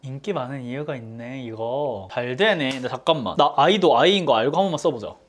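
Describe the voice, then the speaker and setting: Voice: medium pitch, fairly quick. A beauty vlogger chatting casually through a makeup tutorial, talking to themself and often breaking into surprised exclamations. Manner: chatty, talks to self, frequent surprised exclamations.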